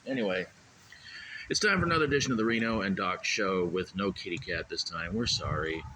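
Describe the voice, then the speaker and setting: A man's voice: deep voice, brisk, pushed and bright. A man co-hosting a casual comedy podcast, rambling and stammering through stories and laughing at his own jokes. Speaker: co-host. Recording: noisy room recording.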